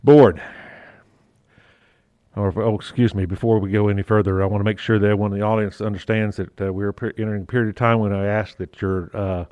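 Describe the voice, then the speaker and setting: A man chairing a city council meeting as mayor, his voice muffled through a face mask, talking haltingly with fillers and the odd joke. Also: fairly low pitch, level tone, smooth, no echo. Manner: halting, with fillers and restarts, lightly joking.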